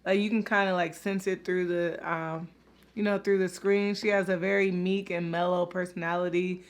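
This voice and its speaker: Talking directly to her audience in a laid-back reaction video, this host leans heavily on fillers such as "like" and "you know." She speaks at a normal pace in a low-ish, level voice.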